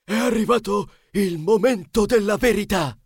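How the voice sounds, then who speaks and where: A man voicing an excitable, high-strung male mouse pizza chef who squeals and exclaims in an audiobook. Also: normal speed, vocal fry, breathy edge, exaggerated voice. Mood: awed murmur. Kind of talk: audiobook character voice.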